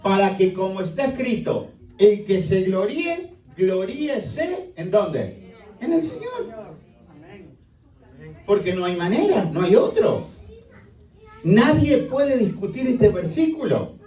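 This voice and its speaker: A man's voice: high-pitched, very animated, takes it slowly, long pauses, mellow. A male pastor preaching a sermon emphatically, with many rhetorical questions. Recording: echoey hall, distant mic.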